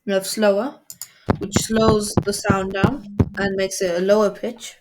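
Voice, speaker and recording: A woman as a coding tutor, explaining a software tool step by step in a screen-recorded tutorial. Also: medium pitch, little pitch movement, measured pace, very noisy.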